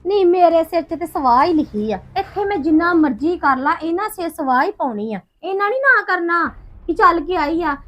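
A woman's voice: very high-pitched, expressive, normal speed, fairly bright tone. An actress playing an aggrieved village woman who rambles through complaints about her in-laws, quoting them as she goes. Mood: indignant. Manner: indignant, rambling complaint with quoted asides. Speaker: actor in a short film. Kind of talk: village family drama. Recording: dull lo-fi sound with faint music.

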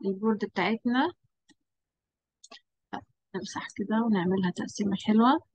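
A woman with an Egyptian Arabic accent, teaching a lesson at a whiteboard, quizzing her pupil and drawing out example words slowly. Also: mid-range voice, darkish tone, breathy edge, dull audio.

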